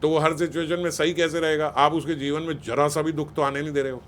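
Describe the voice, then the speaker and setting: A man's voice: fairly high pitch, level tone, quick pace, fairly bright tone, slight background noise. A man giving a spiritual talk on raising children, conversational and scolding, often acting out what parents and teachers say. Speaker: spiritual speaker.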